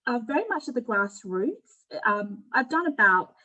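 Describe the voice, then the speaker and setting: A woman's voice: a little high, big pitch swings, moderate pace, sharp tone, rough recording. A middle-aged woman with an Australian accent, giving an informal personal presentation on a video call in a candid, conversational way. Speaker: panel speaker at an online forum.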